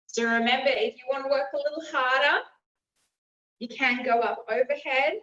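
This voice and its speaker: Female fitness instructor, high-pitched, encouraging, calling out exercise cues; roomy, distant recording. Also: normal speed, bright, forceful tone, slight background noise. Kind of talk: live workout coaching with encouraging cues. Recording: roomy, distant mic, slightly dull.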